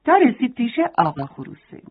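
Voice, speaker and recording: A woman's voice: a little high, wildly swooping pitch, gravelly, breathy edge. Tender woman telling a bedtime story. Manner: tender, addressing children directly. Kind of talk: children's bedtime story narration. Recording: tinny phone-like sound.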